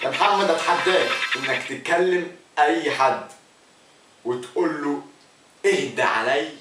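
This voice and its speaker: A young man with an Egyptian Arabic accent hosts a comic Q&A vlog, joking and switching between mock-serious mumbling and loud outbursts. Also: on the high side, moderate pace, heavy reverb, far from the mic, soft background music. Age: young adult. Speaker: comedy YouTuber.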